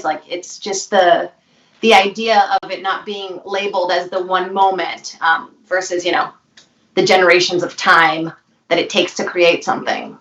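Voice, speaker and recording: A woman's voice: mid-range voice, fairly bright tone. Distant roomy woman, thoughtful. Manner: thoughtful, searching for words. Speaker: guest. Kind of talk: casual chat. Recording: roomy, distant, dull audio.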